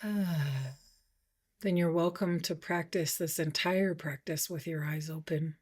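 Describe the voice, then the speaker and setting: Leading a guided meditation, this woman speaks softly and gently with a low voice. She takes her time with pauses, and her delivery turns breathy at moments.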